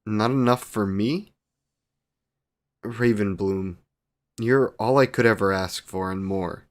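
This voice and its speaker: In this romantic audio roleplay, a man plays a devoted vampire lover who is 128 years old yet youthful and courtly. His lowish voice moves at a slow pace, and his old-fashioned, formal words carry tender, doting endearments.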